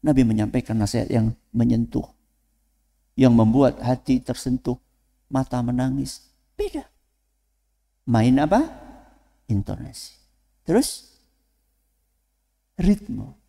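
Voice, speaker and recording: A man preaching to students in a lively way, asking the audience questions and then answering them himself. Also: medium pitch, creaky. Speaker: Islamic preacher. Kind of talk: lecture to students. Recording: long hall reverb.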